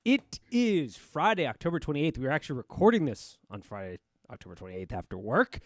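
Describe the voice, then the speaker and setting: A man's voice: fairly high pitch, big pitch swings, fairly quick, dry recording. Guy hosting a sports podcast, kinda rambly, lots of ums, dry mic. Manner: loose, rambling, many fillers and restarts. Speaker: podcast host. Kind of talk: casual sports betting chat.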